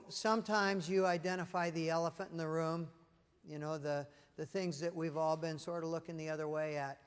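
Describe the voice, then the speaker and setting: A man delivering a motivational keynote with a fairly high voice. He tells stories with energy and acts out the voices of the people in them. The room carries a long reverb. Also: clear, resonant tone. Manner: animated storytelling, acting out voices. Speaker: motivational speaker. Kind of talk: live keynote presentation. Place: conference room with leadership audience.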